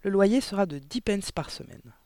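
A man's voice: high voice, lively intonation, moderate pace, warm tone, dry recording, pitched above the performer's own voice. Blunt, incredulous farmer from a storybook reading, read by a man, raised voice, close and dry. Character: gruff, blunt middle-aged male farmer.

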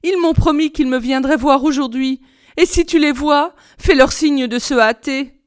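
A woman voicing a frightened young wife who pleads in a high, tearful voice. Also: moderate pace, dry recording, studio quality, close to an everyday voice. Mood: pleading frightened. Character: terrified young wife pleading for her life.

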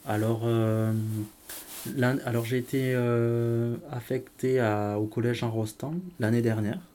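A young adult man with a southern French accent, an English teacher answering a school interview in an easygoing, halting way. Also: medium pitch, flat delivery, mellow, a little hiss or hum. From south of France.

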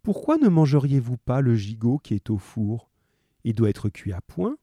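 A man's voice: medium pitch, sing-song, normal speed, warm tone, breathy edge, dry recording. A man voicing a scheming young widow who sweetly pleads with the police, reading a crime story aloud. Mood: pleading.

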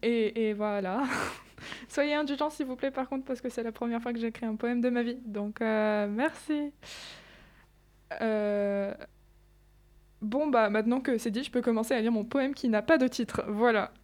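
A woman's voice: a little high, a little slow, darkish tone. A teenage girl co-hosting a student show, reading and analysing her own poem with many hesitant fillers. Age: teens. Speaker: student co-host.

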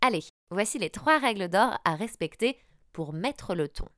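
A woman's voice: medium pitch, normal speed, loud music behind the voice. A young woman, a radio journalist, giving an upbeat scripted tutorial that speaks straight to the listener. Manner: lively, addresses the listener directly, models intonation.

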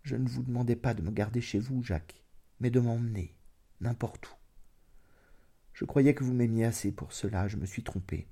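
A man reading aloud, voicing a proud, distressed young woman who speaks softly and gravely. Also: medium pitch, normal speed. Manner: grave, quietly firm pleading. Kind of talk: dramatic audiobook reading.

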